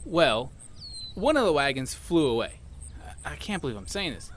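A man's voice: a little high, big pitch swings, normal speed, a bit bright, slight background noise. A man playing a bewildered cowboy in an audio drama, flustered and strained as if hanging upside down.

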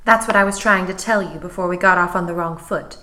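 A woman's voice: on the low side, fairly even intonation, sharp tone. An actress playing a wealthy, no-nonsense female client who has come to hire a detective. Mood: impatient. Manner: brisk and no-nonsense. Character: wealthy, impatient female client searching for her brother.

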